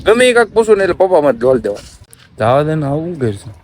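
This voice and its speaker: A man's voice: a little high, big pitch swings, racing, slight background noise. Playful young man vlogging in dialect. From Gujarat, India. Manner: playful, pleading. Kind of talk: casual vlog chat. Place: family home, rooftop.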